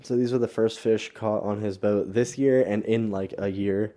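An American man with a fairly low, dark and relaxed voice chats as a podcast host. He talks like a frat bro, loose and slangy, and swears freely. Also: normal speed. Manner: frat-bro talk, slangy and heavily profane. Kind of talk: casual chat.

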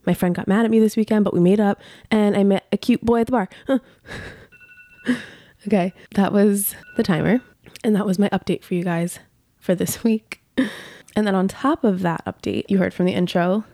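A woman in her thirties chats candidly as a podcast host, her voice congested from a cold. It has a gravelly, vocal-fry edge and a warm, mellow tone. The recording is dry and close. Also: mid-range voice, no echo. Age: 30s. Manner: chatty and candid, laughing now and then. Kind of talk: casual confessional chat.

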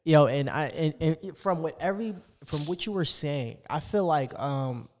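A man with a fairly high voice speaks in long, hall-like reverb. He talks like a preacher among friends on a faith podcast, exhorting emphatically and repeating key phrases. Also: animated, moderate pace. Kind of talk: animated faith discussion, preaching.

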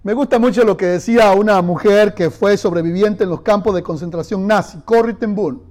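A male pastor delivers a sermon in a strikingly high voice. He tells stories and speaks directly to his church, leading them in call-and-response. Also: a little fast, a little mellow. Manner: leads the congregation in call-and-response; storytelling, addressing the church directly.

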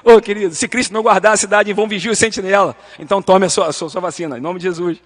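A high-pitched man with a Brazilian Portuguese accent teaches a church Bible class with fervent urgency. He speaks straight to his listeners, calling them beloved and playing out small dialogues. His voice carries a long reverb from the church hall. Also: fairly even intonation, very fast. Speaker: Sunday school teacher.

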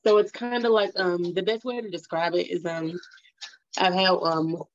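A woman's voice: fairly low pitch, steady tone, moderate pace, highs cut off, slight background noise. A woman in her thirties, chatting on a video call as a mother telling her story, rambling with many fillers and restarts. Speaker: guest, mother. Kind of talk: casual video call chat.

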